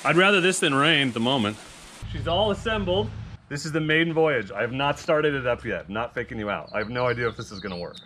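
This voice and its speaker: A man's voice: mid-range voice, animated, fast, pushed and bright, slight background noise. A man hosting a motorcycle vlog, chatting casually to camera in a playful, self-deprecating way.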